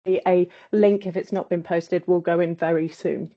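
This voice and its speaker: A woman's voice: on the low side, steady tone, normal speed. A woman chairing an online panel whose audio keeps cutting out on a bad connection. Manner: warm, eager welcoming tone. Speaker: webinar chair. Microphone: video call. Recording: dull lo-fi video call audio.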